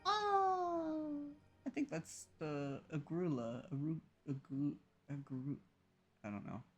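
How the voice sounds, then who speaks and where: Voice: mid-range voice, measured pace, mellow, breathy edge. A livestreamer playing a game, reading its text aloud and chatting casually, with playful exclamations and murmured asides. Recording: game music behind the voice.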